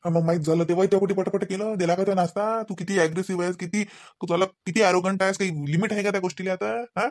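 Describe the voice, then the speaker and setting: Guy doing a cranky cartoon husband, rapid-fire lecturing, dry studio. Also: high-pitched, steady tone, dry recording. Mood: scolding. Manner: nagging, lecturing, rapid scolding. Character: scolding husband Ravi, grown man, short-tempered. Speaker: voice actor. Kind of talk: cartoon voice acting.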